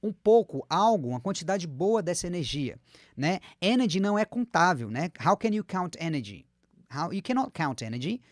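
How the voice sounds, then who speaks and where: A man's voice: sits high, no echo, studio quality. A man teaching an online English lesson, chatty and encouraging, whose first language is Portuguese. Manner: lively, chatty, repeats words slowly for students to copy.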